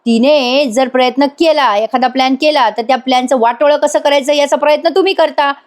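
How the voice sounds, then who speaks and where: A woman's voice: high-pitched, fairly quick, voice pushed up, lightly acted. A woman voicing an angry, scheming male gang boss who threatens his henchman, in a serial recap. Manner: shouting, threatening.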